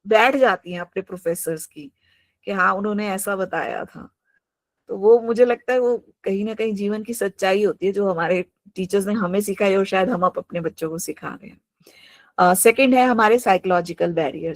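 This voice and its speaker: Woman teacher at a mid pitch, dry close sound, patient example-led lecturing with English terms mixed in. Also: no echo. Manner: explains terms through worked examples, repeats "absolutely" often; mixes English terms into her talk. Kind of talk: online class lecture.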